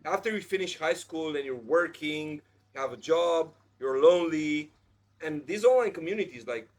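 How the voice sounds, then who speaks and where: A man's voice: on the high side, lively intonation, normal speed. A man in his thirties hosting a casual podcast chat, blunt and preachy, peppering his talk with "like". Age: 30s. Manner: heavy use of "like", blunt and preachy. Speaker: podcast host.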